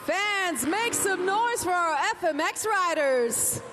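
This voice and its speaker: An arena event announcer giving a loud rally speech to hype up the crowd, exhorting with shouts and drawn-out words. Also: extremely high pitch, expressive. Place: large indoor arena. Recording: noisy live arena PA sound.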